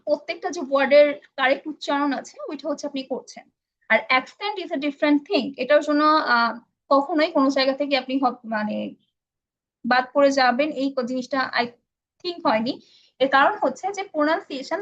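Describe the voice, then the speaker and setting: Woman english instructor, live online q&a, high voice, dull lo-fi stream sound. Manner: explanatory, with frequent fillers, mixing in English phrases.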